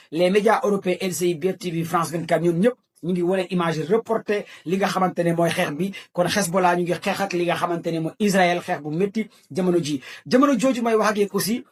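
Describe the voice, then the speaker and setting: A man with a Senegalese accent giving breaking news commentary, repeating key phrases for emphasis. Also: sits high.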